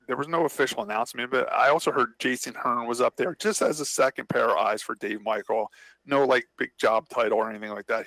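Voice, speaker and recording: A man's voice: medium pitch, vocal fry, a bit bright, no echo, low-quality recording. A man co-hosting a podcast, talking in a casual, rambling way about his racing. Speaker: podcast co-host and racer. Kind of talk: casual chat.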